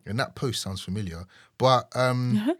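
A man's voice: medium pitch, sing-song, a little slow, no room sound, clean studio sound. A young man with a London accent chatting casually and giving opinions in a slangy roadman way. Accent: London, urban slang.

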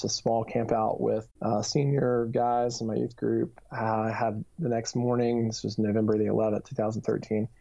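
A man in his thirties, an author and youth minister, gives an earnest, reflective personal testimony in an interview. His medium-pitched voice is gravelly and dark, he uses many fillers, and the lo-fi recording sounds dull.

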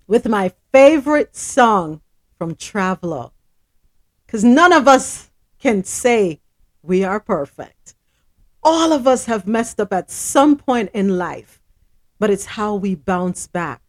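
A woman's voice: mid-range voice, dry recording. A woman hosts a live news talk show, her voice rising and falling a lot as she speaks. She talks expressively, moving from encouragement into reading headlines. The sound is dry, with no room around it. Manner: expressive, preachy, out of breath at first. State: out of breath. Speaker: radio show host.

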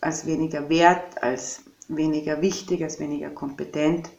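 A woman in her fifties with an Austrian German accent, speaking in a measured, reflective way as a guest in a podcast conversation. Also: sits low, little pitch movement, vocal fry, a little mellow, roomy sound, highs cut off. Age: 50s. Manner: reflective, measured, thinks aloud.

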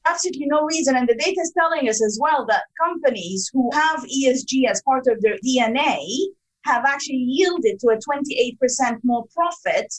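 A woman's voice: high-pitched, animated, a little fast, rough recording. A woman from Sudan, a guest researcher, explaining her findings emphatically in a podcast interview.

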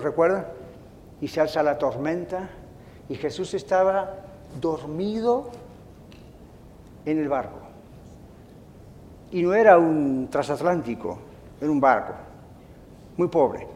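Middle-aged male pastor, high voice, echoey hall. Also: a little slow, pauses often, a little hiss or hum. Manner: animated storytelling, acting out quoted voices. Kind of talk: sermon.

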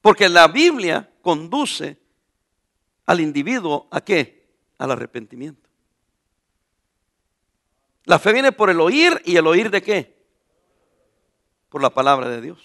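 A man's voice: on the high side, big pitch swings, slow pace, creaky, long pauses, a bit bright. A man preaching a sermon as pastor, who asks his listeners questions, answers them himself and repeats key phrases for emphasis.

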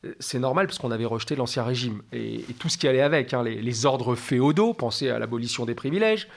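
A man's voice: mid-range voice, expressive, fast talker, gravelly. A man speaking as a guest expert in an interview, explaining in a didactic way and stacking up lists of examples.

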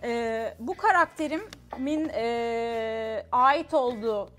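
A woman co-hosting a casual show, teasing the players with riddle-like clues and quickly turning down their wrong guesses. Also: a little high, loud music behind the voice. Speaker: co-host. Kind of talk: casual chat, giving clues in a guessing game.

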